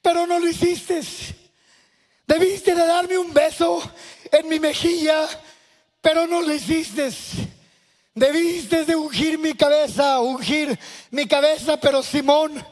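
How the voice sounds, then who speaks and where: A man voicing Jesus as a teacher who solemnly and slowly reproaches his dinner host. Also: very high voice, fairly even intonation, voice pushed up. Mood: reproachful. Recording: echoey church hall.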